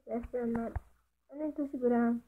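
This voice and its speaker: A woman's voice: a little high, fairly even intonation, moderate pace. A woman chatting casually through Minecraft gameplay, talking to the animals and to her viewers as she plays. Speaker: gaming channel host. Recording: tinny lo-fi mic with faint hiss.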